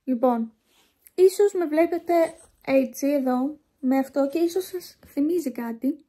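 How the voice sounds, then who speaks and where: Young woman vlogger, high voice, chatty and rambling, recorded on a handheld phone. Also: warm tone. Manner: chatty and rambling, talking straight to viewers. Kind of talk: casual vlog chat. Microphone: phone held at arm's length.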